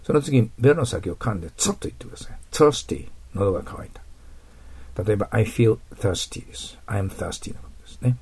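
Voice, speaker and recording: A man teaching an English grammar lesson in Japanese, patiently explaining and slowing down to model each example phrase. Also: fairly low pitch, lively intonation, vocal fry, dark tone, slightly rough. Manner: patient, explanatory, asks learners to repeat.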